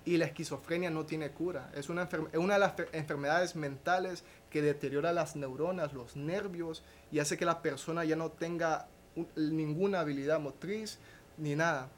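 A young man, a podcast guest telling a personal testimony in a halting way, with restarts and a questioning tag at the end of phrases. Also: on the high side, fairly even intonation, slight background noise.

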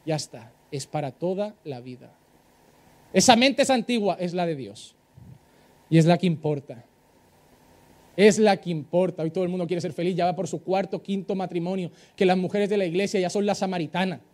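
Very high-pitched preaching man. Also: fairly quick. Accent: Spain Spanish. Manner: animated preaching, acts out quoted voices. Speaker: pastor. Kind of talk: sermon.

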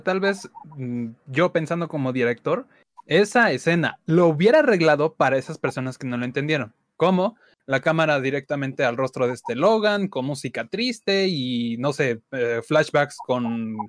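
A man co-hosting a casual movie chat, relaxed and slangy. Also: fairly high pitch, moderate pace, dry recording, studio quality. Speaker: podcast co-host.

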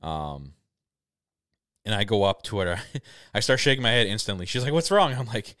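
Excitable young man telling a story. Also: lowish voice, moderate pace, clear, resonant tone, dry recording, studio quality. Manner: excitable storytelling with laughs and restarts. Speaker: podcast co-host. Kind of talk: casual chat.

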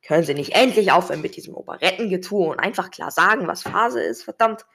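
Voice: mid-range voice, animated, quick pace, gravelly, fairly bright tone, husky, full character voice. A reader voicing Tom, an angry young male protagonist who protests indignantly. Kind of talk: storybook reading.

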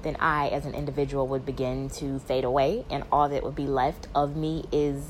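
Low-voiced young woman, earnest voice note. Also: level tone, normal speed, slight background noise. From Atlanta, Georgia, United States. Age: young adult. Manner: earnest, composed, thoughtful. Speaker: podcast listener. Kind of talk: voice note message.

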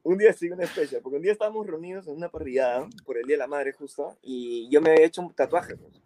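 High-voiced man telling a story. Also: quick pace. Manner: storytelling, loud, laughing. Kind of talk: casual chat.

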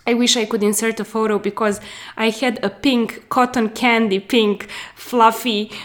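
Higher-voiced woman telling a personal story. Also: steady tone, moderate pace. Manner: earnest, conversational, motivational; hesitant with frequent fillers. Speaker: podcast host offering business advice.

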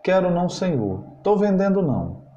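A man's voice: sits high, very animated, normal speed, warm tone, pitched above the performer's own voice. A man voicing a poor, barefoot country boy of about ten who keeps politely refusing to sell, in a roomy, slightly dull recording. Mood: shy, stubborn. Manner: shy, repeatedly polite refusals.

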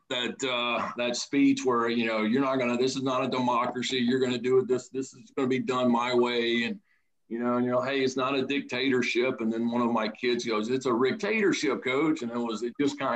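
A man, a high school baseball coach telling stories in a casual podcast chat. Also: low-quality recording. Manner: storytelling, animated when quoting kids.

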